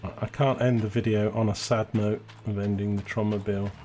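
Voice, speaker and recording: A man's voice: on the low side, level tone, fairly quick, mellow, faint music behind. A British man casually commenting on his gameplay, thinking aloud and correcting himself as he goes. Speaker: gaming channel host. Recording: clear game vehicle noise behind voice. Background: game engine and truck sounds.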